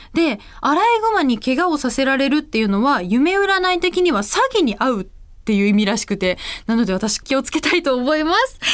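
A woman voice actress chatting on her own radio show, telling anecdotes with animated energy. Her voice sits high and swoops widely up and down. She talks at a brisk, rapid clip. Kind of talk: casual solo radio talk.

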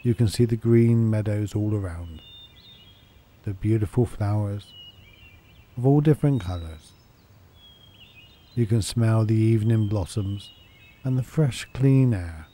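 A man guiding a sleep meditation, talking softly, slowly and soothingly. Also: lowish voice. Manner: soft, slow and soothing. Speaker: meditation guide.

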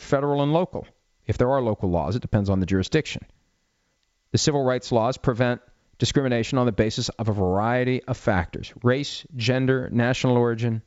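A man's voice: mid-range voice, dry recording. A middle-aged man talks through a sports story as a talk-show host. He is casual and wry and breaks legal points down plainly. The mic is close and dry with a slightly dull, lo-fi sound.

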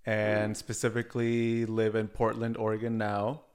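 A young man from Mexico, a podcast guest, talking in a measured, thoughtful way and sometimes correcting himself. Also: on the low side, monotone, smooth. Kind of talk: casual chat.

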